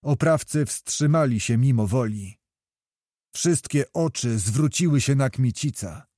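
A man reading a historical novel aloud as an audiobook narrator, in a measured storytelling manner. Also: medium pitch, lively intonation, warm tone, dry recording, studio quality.

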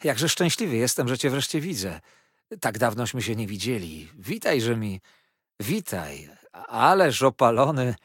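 A man's voice: mid-range voice, sing-song, moderate pace, fairly bright tone, husky, no echo, studio quality, full character voice. A man voicing an effusive young male lawyer who gushes and fires off questions, as a storybook reader. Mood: overjoyed. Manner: gushing, breathless, showers questions.

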